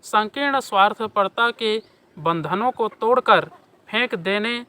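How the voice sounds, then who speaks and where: A man's voice: sits high, measured pace, pushed and bright, clean tone. A man from India giving a devotional sermon and addressing his listeners with emphatic, declaiming delivery. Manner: emphatic, declamatory delivery with long lists of reverent epithets. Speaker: spiritual speaker. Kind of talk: devotional sermon with mantra chanting.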